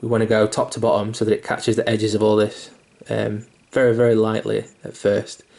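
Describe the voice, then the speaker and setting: A man's voice: on the low side, completely flat delivery, fairly quick, vocal fry, a little mellow. A young man giving a casual miniature painting tutorial, rambling a little, with fillers, restarts and the odd swear word. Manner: mildly self-deprecating and sweary. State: hiccuping.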